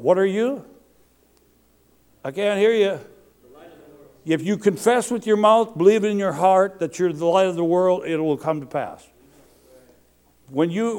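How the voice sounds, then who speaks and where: A man in his sixties preaching a sermon, animated, calling out questions to the congregation and building rhythmic lists. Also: sits high. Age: 60s. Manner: repetitive, rhythmic listing.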